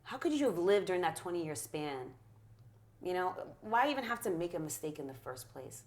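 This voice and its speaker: A woman's voice: fairly low pitch, very animated, normal speed, darkish tone. A middle-aged woman, a guest speaker in an interview, talking in a passionate, affirming way with a preacher-like rhythm. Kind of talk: conversational interview.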